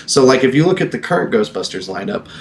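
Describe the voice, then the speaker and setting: A man's voice: medium pitch, very animated, fast, a little hiss or hum. A man in his mid-twenties chatting casually on a podcast, rambling with lots of fillers and swearing freely. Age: 20s. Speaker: podcast co-host. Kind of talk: casual chat.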